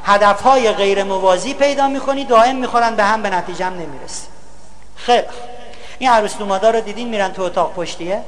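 A man's voice: high voice, fairly bright tone, slight background noise. A man giving a humorous lecture on values, telling stories and mimicking other people for laughs. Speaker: public speaker.

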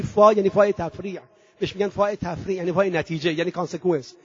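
A male preacher giving a sermon. He chants Arabic verses slowly and loudly, then explains them in conversational asides and drops in English words. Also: high voice, lo-fi sound.

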